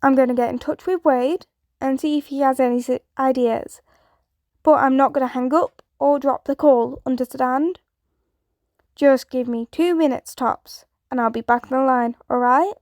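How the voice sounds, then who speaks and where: A woman's voice: high voice, steady tone, moderate pace, a little mellow, dry recording, studio quality, lightly acted. A woman reading as an anxious young hero. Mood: urgent. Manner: urgent, anxious, reassuring. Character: young male superhero, urgent and worried.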